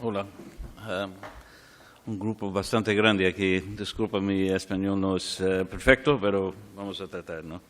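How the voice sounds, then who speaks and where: A man giving a formal conference talk, halting as he searches for words. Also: sits low, steady tone. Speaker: conference panelist, legal expert.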